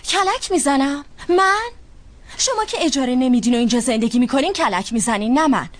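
A young woman dubbing a sharp-tongued niece who talks back to her elders with indignation. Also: sits high, expressive. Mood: defiant. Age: young adult. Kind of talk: dubbed drama acting.

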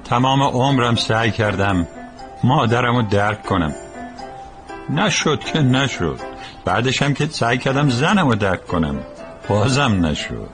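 A man's voice: mid-range voice, very animated, natural voice. A man dubbing a weary older father-in-law. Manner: tired, resigned. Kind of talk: Persian dub of a TV drama. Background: music.

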